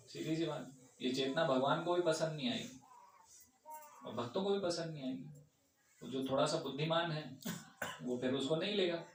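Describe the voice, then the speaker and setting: This devotee speaker answers questions from the audience in a temple hall, keeping the talk conversational and frequently asking whether everyone agrees. He has a somewhat high, slightly bright voice. The recording is distant and echoey, with a low hum in the background.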